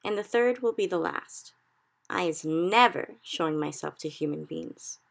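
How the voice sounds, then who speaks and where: A woman doing the Big Friendly Giant, slow and muddled. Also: fairly low pitch, lively intonation, creaky. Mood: grumbling. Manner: slow, odd jumbled grammar. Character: big friendly giant, male, mangles his grammar. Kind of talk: storybook reading.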